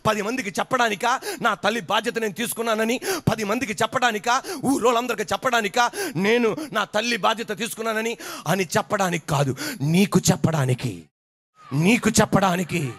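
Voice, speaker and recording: High-pitched, gravelly impassioned preacher man. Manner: impassioned sing-song preaching, building to shouts. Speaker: pastor. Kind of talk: sermon.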